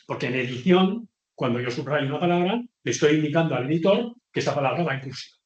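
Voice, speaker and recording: A man's voice: fairly high pitch, lively intonation, fast talker, darkish tone, roomy sound, muffled recording. A man teaching a beginners' class, explaining patiently and often checking in with the students. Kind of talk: classroom lecture.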